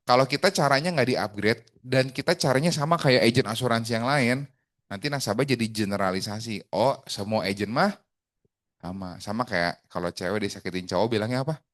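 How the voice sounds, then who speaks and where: A man, an insurance agent, chatting casually about sales tips and acting out bright, friendly phone greetings. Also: medium pitch, brisk. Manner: lively, acts out phone calls with bright greetings. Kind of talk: casual podcast chat.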